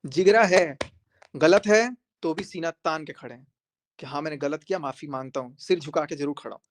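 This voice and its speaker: A man's voice: fairly high pitch, fairly quick. A man speaking on a live stream to his viewers, emphatic and confrontational, repeating his points for force. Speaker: social media creator.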